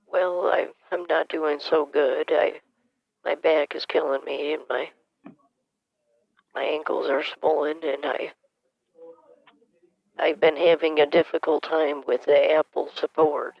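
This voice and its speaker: A man's voice: a little high, little pitch movement, measured pace, gravelly, long pauses. A man putting on the voice of a frail, confused elderly woman who is hard of hearing and stammers, asking for things to be repeated. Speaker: caller posing as a victim. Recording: muffled phone call.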